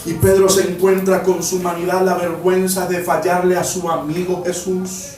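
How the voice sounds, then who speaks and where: A male pastor delivers a sermon, stacking one repeated phrase on another. His voice sits a little high and holds a narrow, even pitch. He sounds distant from the mic, with roomy echo around him. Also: normal speed. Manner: preaches in repeated, rising phrases.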